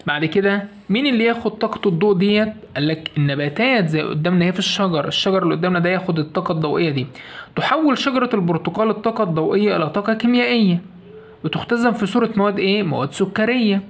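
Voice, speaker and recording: A man's voice: high voice, racing. A man with an Egyptian Arabic accent teaching a science lesson, asking questions and answering them himself. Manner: asks questions and answers them himself, repeats key points. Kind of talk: fast classroom lesson explanation.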